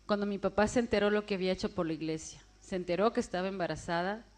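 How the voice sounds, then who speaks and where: A woman's voice: medium pitch, steady tone, fast, darkish tone. A woman in her forties giving an emotional personal testimony, acting out the voices of people she quotes. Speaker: testimony speaker.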